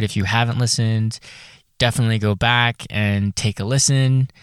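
Smooth-voiced man hosting a casual podcast. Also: on the low side, no echo, clean studio sound. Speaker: podcast host. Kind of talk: casual, candid solo podcast talk. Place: small clothes-filled closet in an apartment.

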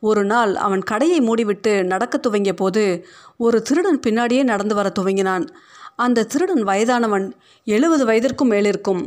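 A woman reading a short story aloud in a steady narrating voice that lifts a little for the characters' words. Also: a little high, normal speed.

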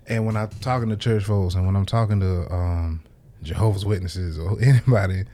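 A man's voice: low-pitched, steady tone, fairly quick, mellow. A man hosts a casual podcast chat. He rambles loosely, restarts his sentences and laughs often. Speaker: podcast host. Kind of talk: casual conversation.

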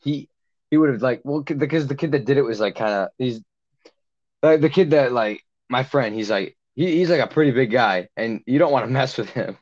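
A man's voice: mid-range voice, brisk, a little mellow. Rambling young man, lo-fi recording. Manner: rambling, heavy use of "like", acts out quotes. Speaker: podcast co-host. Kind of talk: casual storytelling chat. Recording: dull lo-fi sound.

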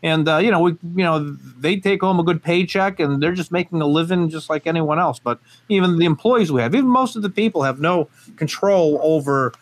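This podcast guest from a gun company talks fairly quickly with hardly any pauses, his voice on the high side. Portuguese-born and American-raised, he speaks emphatically in the casual interview, often using fillers and restarting sentences.

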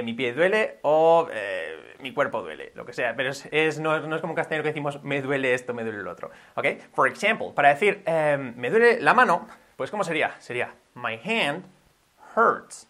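A man's voice: mid-range voice, a bit bright. Upbeat man teaching English. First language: Spanish. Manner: explains patiently, checks in with "¿ok?". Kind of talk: video lesson for Spanish speakers.

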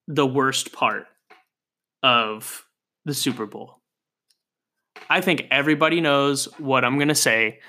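A man's voice: medium pitch, bright, forceful tone. A man hosting a podcast, delivering an exasperated, profane comedic rant full of sighs and rhetorical questions. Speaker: podcast host.

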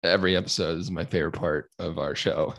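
A man's voice: low-pitched, fairly even intonation, fast talker, creaky, a bit bright, dry recording. A man co-hosting a podcast, chatting casually in an easygoing way. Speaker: podcast co-host. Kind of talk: casual chat.

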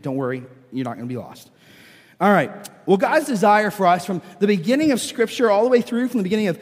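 An American man preaching to a congregation in an informal, earnest way, his voice froggy and hoarse from being under the weather. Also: a little high. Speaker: lead pastor. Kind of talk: sermon to a congregation. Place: church, speaking live to congregation. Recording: reverberant large-room sound.

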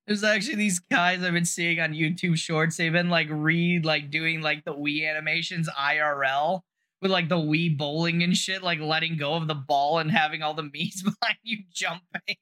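A man's voice: a little high, fairly even intonation, normal speed, sharp tone. A young man co-hosting a podcast in casual chat, crude and profane, often breaking into laughter. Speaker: podcast co-host.

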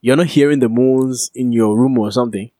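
A man's voice: mid-range voice, fairly even intonation, brisk, warm tone, dry recording. Laid-back man, dry close sound. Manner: laid-back, skeptical, laughs easily. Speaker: podcast co-host. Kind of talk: casual chat.

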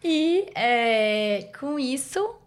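A woman's voice: high-pitched, very animated, extremely slow. Young woman in a casual interview. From Bahia, Brazil. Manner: informal, sprinkles English medical terms into speech. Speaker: podcast guest, doctor.

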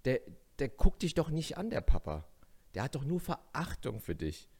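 A man's voice: mid-range voice, very animated, moderate pace, darkish tone, husky. A man co-hosting a casual podcast chat, joking and slipping into mock impressions. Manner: jokey, breaks into mock impressions. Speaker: podcast co-host.

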